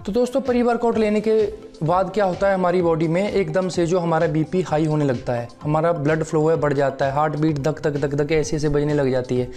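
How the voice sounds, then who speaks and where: A man's voice: a little high, steady tone, fairly quick, hardly any pauses, mellow, soft background music. A young man reviewing a fitness supplement to camera from his living room, explaining in a friendly way and often calling out to viewers as friends. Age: young adult. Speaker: fitness vlogger. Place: living room at home, seated on sofa. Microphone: lapel mic.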